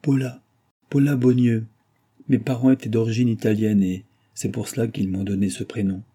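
Man voicing a poised proud woman, middle-aged, composed, dark husky voice, audiobook. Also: on the low side, steady tone, normal speed.

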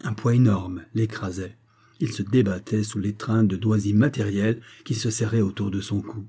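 Low, husky male audiobook narrator. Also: fairly even intonation, dark tone. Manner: measured, dramatic storytelling. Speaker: audiobook reader.

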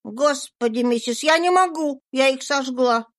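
A woman's voice: high-pitched, unhurried, pitched above the performer's own voice. A woman voicing a sly young servant girl who whines and pleads. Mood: whiny. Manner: whiny, pleading.

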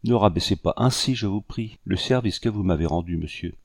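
A proud, sorrowful commander of a colonial revolt, as a man reads him aloud. His speech is courtly and grave, in a low voice with a dry, close sound. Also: brisk, a little mellow, no room sound. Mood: grave bitterness.

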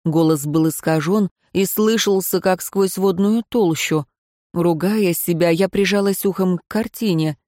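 A woman reading a first-person fantasy story in a calm, measured narration. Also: on the low side, no echo, clean studio sound. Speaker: audiobook narrator.

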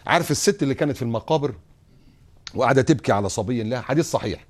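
A man with an Egyptian accent preaching a lively sermon, asking rhetorical questions and acting out little scenes. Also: mid-range voice, rapid-fire. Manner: animated, rhetorical, acts out scenes.

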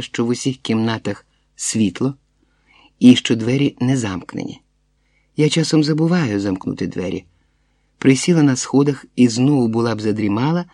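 A man reading a literary short story aloud in a measured, steady way. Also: medium pitch, no room sound, clean studio sound. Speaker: audiobook reader. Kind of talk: literary narration.

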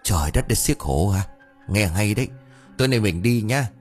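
A man's voice: lowish voice, expressive, moderate pace, soft background music, close to an everyday voice. A man voicing a hot-tempered old village master who speaks bluntly and scolds. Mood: scolding.

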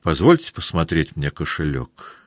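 A man voicing a proud young male cadet who speaks quietly with a strained, trembling voice. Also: very deep voice, sing-song, normal speed, no echo, clean studio sound, heavily acted.

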